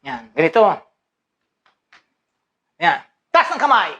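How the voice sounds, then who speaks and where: A woman's voice: fairly low pitch, very animated, slow, pushed and bright, highs cut off. Woman barking playful karate commands. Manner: teasing, barks short commands, laughs often. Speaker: mock karate teacher. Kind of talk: playful comedic skit.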